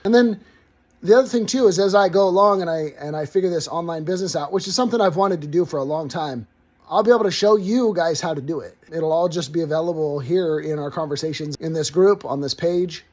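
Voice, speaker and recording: A man's voice: a little high, fast, a little mellow. A man in his garage, chatting casually and rambling a little as he talks straight to his viewers about his car project. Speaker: DIY car builder vlogger. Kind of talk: casual talk to camera. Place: home garage.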